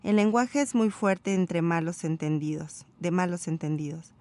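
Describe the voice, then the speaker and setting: A woman voicing a wistful, patient male fox, explaining calmly while reading a story aloud. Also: fairly low pitch, unhurried, dry recording.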